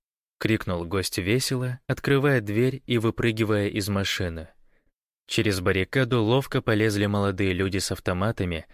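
Brief: male narrator, audiobook, low voice, dry close sound. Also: no room sound. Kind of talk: scripted fiction narration.

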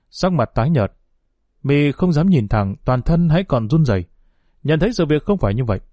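A man narrating a dramatic audiobook story in a steady storytelling manner. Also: mid-range voice, no echo, studio quality.

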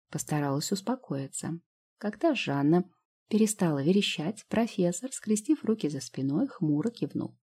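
A woman narrating a first-person novel in an even, steady storytelling manner. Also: on the low side, husky. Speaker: audiobook narrator.

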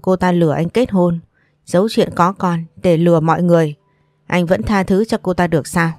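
A woman's voice: on the low side, moderate pace, a little mellow, no echo, clean studio sound, close to an everyday voice. A woman voicing a scheming young woman who pleads in a choked voice. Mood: tearful pleading.

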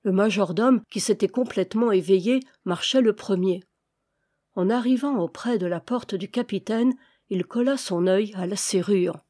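A woman narrating a classic adventure novel aloud in a measured, expressive reading. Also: mid-range voice. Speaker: audiobook reader.

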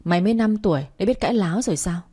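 A woman's voice: medium pitch, rapid-fire, mellow, slightly rough, natural voice. A woman reading a story, voicing a cruel, two-faced young woman who scolds a child harshly. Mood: furious.

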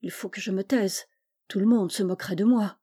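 A woman voicing a proud, disdainful young noble girl in a storybook reading, speaking in a sharp, petulant manner. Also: mid-range voice, a little fast, husky, natural voice. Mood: resentful.

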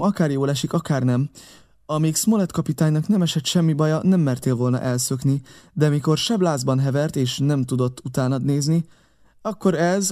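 A man's voice: on the high side, warm tone, lightly acted. A man voicing an earnest, kindly older ship's doctor who scolds and pleads, in an audiobook reading. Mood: reproachful.

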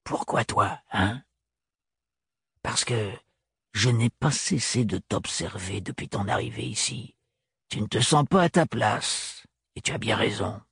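A man's voice: sits high, animated, normal speed, dry recording, studio quality, voice pushed up. A man putting on a grating tomboyish mechanic woman. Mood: hushed. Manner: curt, insistent.

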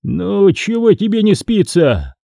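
A man voicing a bold, mocking blacksmith master held in chains, talking loud and scoffing. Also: high-pitched, sing-song, normal speed, no echo, clean studio sound, pitched above the performer's own voice, exaggerated voice. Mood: grumbling.

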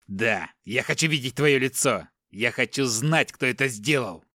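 A man's voice: medium pitch, animated, measured pace, pushed and bright, dry recording, clean studio sound. A man voicing a tough middle-aged father held captive, firm and reassuring. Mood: commanding.

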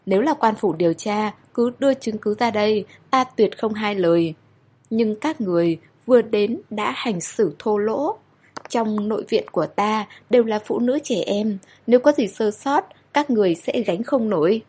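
A woman voicing a calm, composed young noblewoman who speaks coolly and firmly. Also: mid-range voice, moderate pace, husky. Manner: cool and firm.

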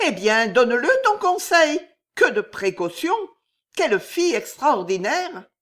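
A woman's voice: fairly high pitch, sing-song, unhurried, fairly bright tone, pitched above the performer's own voice. A woman doing an anxious lovesick noblewoman.

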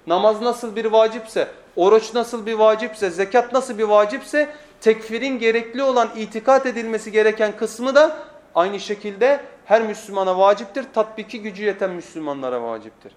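A man's voice: high-pitched, normal speed. A man preaching a weekly sermon lesson at a pulpit microphone, emphatic, repeating phrases and putting rhetorical questions to his listeners.

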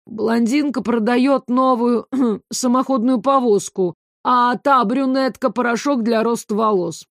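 A woman's voice: on the high side, unhurried, no room sound, clean studio sound. A woman voicing a prim, easily embarrassed young man in an audiobook, speaking in an exasperated, pleading way. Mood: weary pleading.

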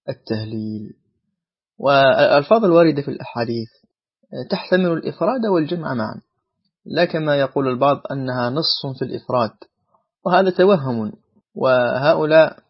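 A husky-voiced man teaches a formal religious lesson in a measured, formal classical delivery. The sound is a dull, lo-fi recording that softens his voice. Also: medium pitch.

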